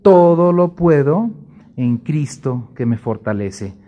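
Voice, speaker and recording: Lively man teaching the Bible. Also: on the high side, takes it slowly, dull audio. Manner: lively, acts out little dialogues in other voices. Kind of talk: sermon-style Bible teaching.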